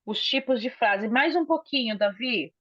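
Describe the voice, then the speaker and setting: A woman's voice: on the high side, animated, moderate pace, a bit bright, no echo. Woman teaching a class over a phone. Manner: explanatory, often adds "né?". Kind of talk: online class over video call. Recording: dull lo-fi phone audio, dry.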